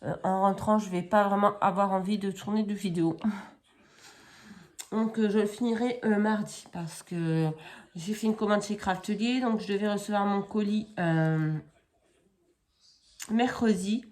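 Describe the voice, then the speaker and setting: In an unhurried, chatty crafting haul vlog filmed at home, a woman holds up her items while rambling, catching her own mistakes, and leaning on fillers. She speaks in a mid-range voice with a darkish tone.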